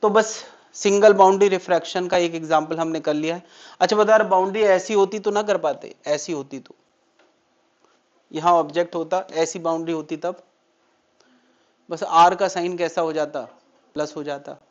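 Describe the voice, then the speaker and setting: High-voiced man teaching a class. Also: fairly even intonation, normal speed, long pauses, highs cut off. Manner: asks the class questions and answers them himself. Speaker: physics teacher. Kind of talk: classroom lecture.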